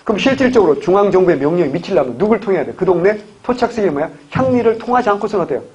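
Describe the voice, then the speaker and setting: A man's voice: sits high, animated, racing, darkish tone. A man from the Gyeongsang region teaching an exam-prep history lecture, constantly asking questions and answering them himself. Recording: dull lo-fi recording, faint hiss.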